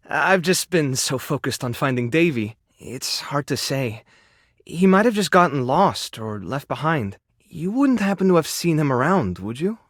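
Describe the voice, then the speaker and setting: Voicing a gentle, self-effacing animal rescuer from a video game, a male actor sounds shy and earnest, with frequent small hesitations and a worried mood. His pitch moves in an animated way, the acting is light, and the character is from Mexico. The recording is dry, with no echo or room sound.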